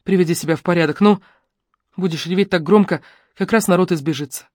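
A woman's voice: lowish voice, fast, darkish tone, no room sound, clean studio sound, lightly acted. Woman voicing a brusque, commanding stern woman. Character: tall stern grown woman, rough but protective.

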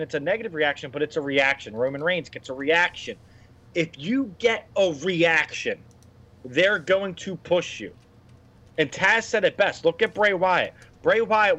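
A man in his thirties talks in a loose, opinionated podcast chat, rambling and blunt. His voice sits a bit high. The audio sounds muffled and lo-fi. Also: fairly bright tone. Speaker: podcast co-host. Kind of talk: casual wrestling podcast chat. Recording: dull lo-fi audio.

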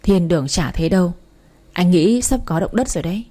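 A woman's voice: on the low side, lively intonation, brisk, warm tone. A woman voicing a cowardly cheating husband in a story reading, meek and pleading. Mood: evasive.

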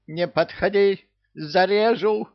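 A man voicing a loud, hysterical male parrot who squawks, gossips and brandishes threats. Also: high-pitched, slow, no room sound, highs cut off, voice pushed up. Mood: threatening.

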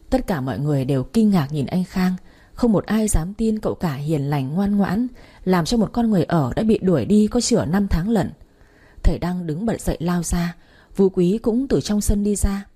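A woman narrating a dramatic audiobook story in a steady voice. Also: fairly low pitch, husky.

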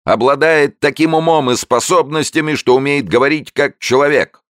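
A man reading an audiobook voices a pushy little male showman with a hoarse, crowing barker's voice. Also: on the high side, normal speed, fairly bright tone, no echo, clean studio sound, pitched above the performer's own voice, close to an everyday voice. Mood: barking. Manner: crowing, cackling barker's patter.

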